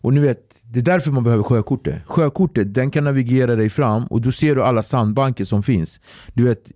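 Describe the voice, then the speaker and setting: A man guesting on a podcast, telling a story in a casual, animated way, swearing and acting out what others said. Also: mid-range voice, no room sound, studio quality. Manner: animated, swearing, acts out quotes, laughs through the story.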